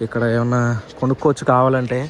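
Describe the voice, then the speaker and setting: Fast-talking man vlogging through a noisy airport. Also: mid-range voice, monotone. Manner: chatty, switching between talking to the camera and to a crying child. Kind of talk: casual travel vlog narration. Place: airport terminal.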